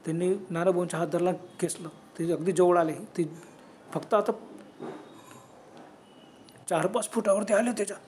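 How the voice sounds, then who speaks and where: A man's voice: sits high, steady tone, moderate pace, pauses often, a little mellow, slight background noise. A man narrating a horror story dramatically, dropping into whispers at the scary moments.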